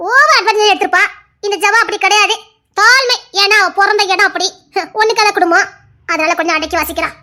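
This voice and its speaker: Scheming woman in a TV serial, sly and conspiratorial, rapid bright delivery. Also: very high voice. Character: scheming woman plotting to seize a family's wealth. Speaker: scheming family member. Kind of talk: TV serial acting.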